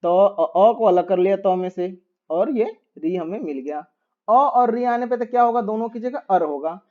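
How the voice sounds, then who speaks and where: A man's voice: high voice, normal speed, narrow, tinny audio. A man teaching a grammar lesson, patiently repeating each step and asking rhetorical questions as he writes on a board.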